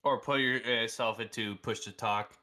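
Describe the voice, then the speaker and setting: A woman's voice: a bass voice, fairly even intonation, moderate pace, pushed and bright. A woman chatting casually as a co-streamer in an online voice call.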